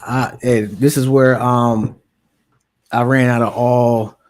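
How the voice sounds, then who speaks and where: A man's voice: medium pitch, flat delivery, takes it slowly. A man hosting a live stream, laid-back and casual with slang, often repeating himself.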